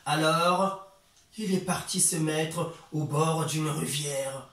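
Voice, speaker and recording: A man narrating a children's tale as a storyteller, animated, with drawn-out repetitions and big swings in loudness. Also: on the high side. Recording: echoey room from far off.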